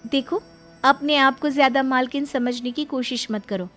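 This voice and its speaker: A woman's voice: high voice, moderate pace, fairly bright tone, soft background music. A woman playing a young daughter-in-law in a family cartoon, earnest, aggrieved and protesting. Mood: indignant. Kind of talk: Hindi family cartoon acting.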